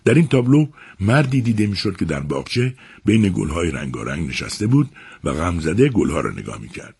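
A man narrating a serialized novel adaptation on a radio book program, with measured, expressive storytelling. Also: deep voice, creaky, slightly rough.

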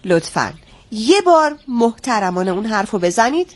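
A woman's voice: fairly high pitch, big pitch swings. A woman playing a preachy grown daughter. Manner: lecturing, preachy. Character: adult daughter, preachy self-styled expert.

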